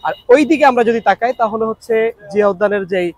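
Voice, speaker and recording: Man, Noakhali accent, high fast banter; playful street vlogger. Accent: Noakhali Bengali. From Noakhali, Bangladesh. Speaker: travel vlogger. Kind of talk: casual street vlog chat. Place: outdoors at a street food stall.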